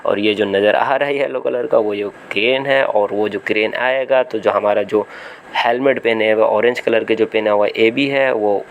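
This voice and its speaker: A lowish-voiced man speaks at normal speed with fairly even intonation over slight background noise. He's a seafarer vlogger with an Indian Hindi accent, casually narrating phone-camera footage from a small vessel at sea while thinking aloud with fillers and restarts.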